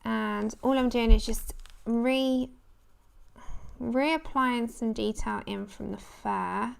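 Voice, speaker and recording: A woman's voice: fairly high pitch, slow pace, creaky, clear, resonant tone, poor audio. A woman chatting casually and rambling as she hosts a craft livestream, breaking off to talk to viewers. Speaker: livestream host. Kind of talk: casual craft livestream chat while colouring.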